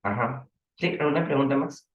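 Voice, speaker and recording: A man's voice: medium pitch, moderate pace, reverberant, highs cut off. A man with a Peruvian accent teaching a language class, questioning his students and explaining with examples. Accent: Peruvian Spanish. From Peru. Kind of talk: online class lecture.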